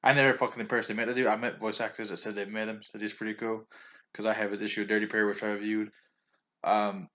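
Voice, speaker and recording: This manga-haul vlogger speaks in a fairly low, slightly bright voice. Talking casually about the books he picked up, he wanders off track, keeps restarting, fumbles names, and shares plenty of opinions with frequent chuckles.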